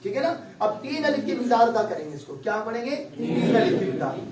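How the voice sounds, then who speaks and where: Very animated and very high-voiced, a man leads a patient recitation lecture, breaking things down step by step and checking in with students often. Room echo, a distant mic and a faint hum mark the audio.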